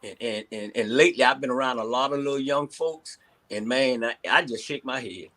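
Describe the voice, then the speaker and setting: A man's voice: medium pitch, fairly quick, a bit bright. A man in his sixties with a Southern American accent speaking informally as a panelist in a casual discussion, often repeating his phrases. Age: 60s.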